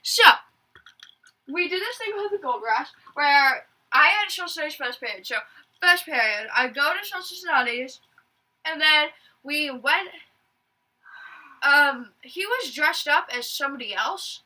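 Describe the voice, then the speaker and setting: A woman's voice: sits high, unhurried, distant mic, low-quality recording. A young woman telling stories casually and chattily as host, saying w in place of r. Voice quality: cannot pronounce r, says w for r. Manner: excitable, chatty, exclaiming. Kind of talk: casual storytelling to camera.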